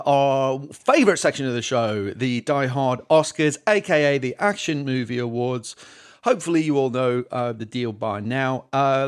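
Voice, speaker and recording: A man's voice: mid-range voice, clean tone. A man hosting a podcast, talking in a rambling, self-interrupting way. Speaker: podcast host. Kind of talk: casual podcast chat.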